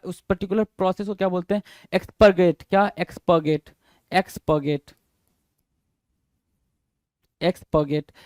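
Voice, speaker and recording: High pitched guy teaching vocab, keeps repeating words and quizzing, dry close sound. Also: a little mellow, dry recording. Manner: drills words, repeats and spells them out, asks students questions. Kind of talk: exam-prep lesson.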